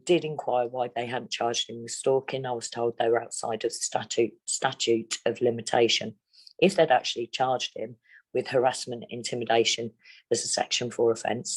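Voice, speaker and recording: A middle-aged woman from England, speaking bluntly and steadily as an interviewee. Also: rumbling low. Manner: blunt, plain-spoken, measured. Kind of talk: candid interview.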